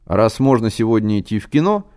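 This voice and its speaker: A man's voice: lowish voice, sing-song, brisk, a little mellow. A man reading a storybook, voicing a cocky streetwise boy in a raised, pushy voice.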